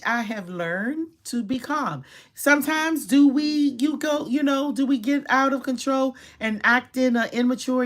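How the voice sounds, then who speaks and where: In a high-pitched voice, a middle-aged woman hands out casual relationship advice to her viewers. She's animated and preachy, acting out the scenes she quotes.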